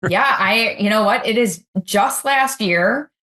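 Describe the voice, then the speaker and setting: A woman's voice: a little high, slow, fairly bright tone, echoey room. A middle-aged woman speaking as a podcast guest, talking earnestly and chattily with frequent fillers. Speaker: podcast guest, advocate supervisor. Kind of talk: podcast interview.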